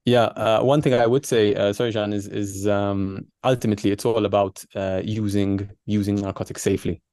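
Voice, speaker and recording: Male doctor as interview guest. Low-pitched, dry recording, hesitant, conversational explainer. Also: little pitch movement, warm tone, dry recording. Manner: halting, hesitant phrasing with repeated words. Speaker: doctor and researcher being interviewed.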